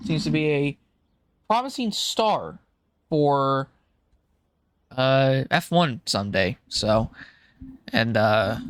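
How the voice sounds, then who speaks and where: A young man rambling through casual commentary on a racing game, with lots of fillers and occasional swearing. His voice is bright and crisp, forceful at times. The desk mic sounds close and dry. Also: mid-range voice, no echo. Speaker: gaming YouTuber. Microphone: desk microphone.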